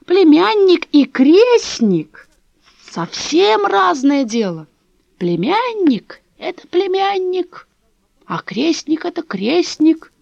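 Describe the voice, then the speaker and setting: A woman's voice: very high voice, sing-song, slow pace, gravelly, darkish tone, dry recording, pitched above the performer's own voice, full character voice. A woman voicing a fussy, suspicious old female neighbor who chatters and repeats herself, on a dull, dry recording. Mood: offended.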